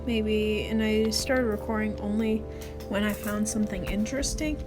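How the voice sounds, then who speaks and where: A woman giving casual gameplay commentary as a voice-over, in a rambling, halting, self-deprecating and complaining way. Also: medium pitch, steady tone. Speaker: gaming video creator. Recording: voice-over with prominent background music. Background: prominent music.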